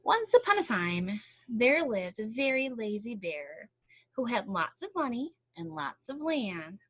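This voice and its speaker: A woman with a fairly high, closely recorded voice reads a children's picture book aloud. Her delivery is expressive, and she slips into casual explanations and questions for the listener. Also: a little slow, no echo. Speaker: storybook reader.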